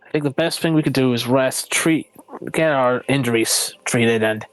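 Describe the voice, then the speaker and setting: A man playing a tabletop game in character, making measured, thoughtful suggestions. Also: medium pitch, dry recording, soft background music, rough recording. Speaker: player.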